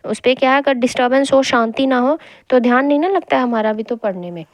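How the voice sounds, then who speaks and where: A young woman teacher giving an exam-prep lesson, reading each point and then re-explaining it in casual mixed Hindi and English, repeating key phrases slowly. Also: sits high, no room sound.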